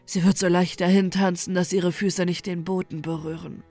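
A woman's voice: fairly low pitch, flat delivery, moderate pace, warm tone, faint music behind. A woman voicing a lovesick young student, lamenting. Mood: longing. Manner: lamenting, dreamy. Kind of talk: storybook reading.

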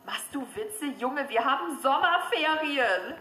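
A young woman hosting her own channel, reading scary chat messages aloud in a lively, excitable way. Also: sits high, a little slow. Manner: lively and excitable, squeals and laughs at scary parts. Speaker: horror chat YouTuber. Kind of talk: reading out scary chats to viewers. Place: room at home, sitting on a stool. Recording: echoey room, faint background noise.

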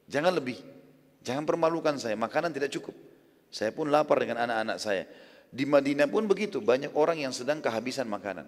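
A man's voice: mid-range voice, expressive, quick pace, lightly acted. A man voicing a clever, practical wife who pleads and insists, in a hall with long reverb. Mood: pleading.

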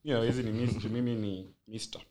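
A man's voice: mid-range voice, steady tone, fast talker, a crowd in the background. A young man with a Kenyan accent hosting a podcast in casual, joking, teasing banter. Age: young adult. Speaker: podcast host.

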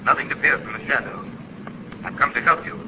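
An actor playing a fearless, commanding male crime-fighter with a theatrical, deliberate delivery in a 1930s radio thriller. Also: medium pitch, lightly acted. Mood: urgent, reassuring. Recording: echoing, muffled, hissy old radio recording.

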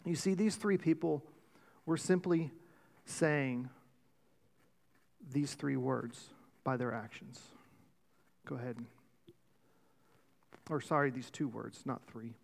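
A man's voice: mid-range voice, steady tone, slow pace, vocal fry, long pauses. A man preaching a sermon to his church, slightly out of breath, telling stories in a casual, self-deprecating way. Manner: conversational, self-deprecating storytelling. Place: church sanctuary. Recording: long church reverb.

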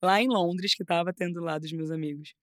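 A young adult woman from Rio de Janeiro with a Carioca accent, chatting lively as a guest, laughing often and restarting her phrases. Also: lowish voice, a little fast, no echo, clean studio sound. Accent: Carioca Brazilian Portuguese. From Rio de Janeiro, Brazil. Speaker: guest model. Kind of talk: casual interview chat.

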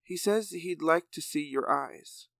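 A man's voice: fairly high pitch, unhurried, creaky, fairly bright tone, no room sound. A man voicing Jack, a young male hero who plainly relays a lizard's messages in a read-aloud story. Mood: calm.

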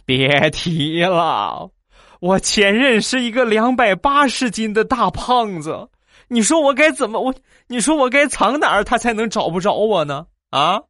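A man's voice: high-pitched, sing-song, a little slow, pushed and bright, dry recording, clean studio sound, pitched above the performer's own voice, heavily acted. A man doing a wailing, terrified young guy. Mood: panicked wailing. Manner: wailing, panicked pleading.

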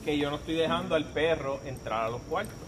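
A man's voice: a little high, fairly quick. A man with a Puerto Rican accent complaining bluntly and swearing in a casual group chat. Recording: loud background noise.

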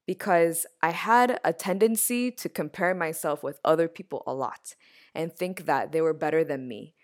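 A woman leads a conversation at a low, measured pitch. She reflects out loud in an earnest, gentle way and sometimes stumbles over a word before she carries on. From United States. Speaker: interviewer.

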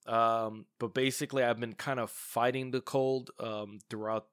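A man with a stuffy, congested voice from a cold hosts a casual solo gaming podcast, chatting with lots of fillers and restarts. His mid-range voice is flat and fairly bright at a moderate pace, recorded dry and clean with studio quality.

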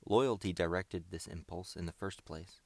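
A man narrating an adventure novel aloud in a steady, measured reading. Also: low-pitched, creaky, no echo. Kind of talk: audiobook narration.

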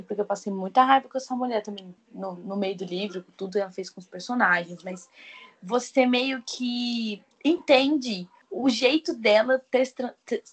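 A woman co-hosting a podcast in casual chat, animated and expressive, acting out characters' lines as she talks. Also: mid-range voice. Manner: animated, acts out character dialogue in quoted voices; expressive, frequent laughs and exclamations. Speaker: podcast co-host reviewing books.

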